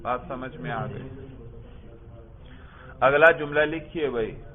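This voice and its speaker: A man leads a classroom grammar lesson at a middle pitch, asking his students one question after another. He praises correct answers and asks them to explain their reasons. His voice comes through thin and tinny, like a phone line. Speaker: teacher.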